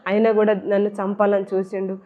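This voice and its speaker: A woman's voice: mid-range voice, monotone, brisk. A woman giving an earnest personal religious testimony and repeating her phrases as she tells it. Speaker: church member giving testimony. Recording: tinny phone-like sound.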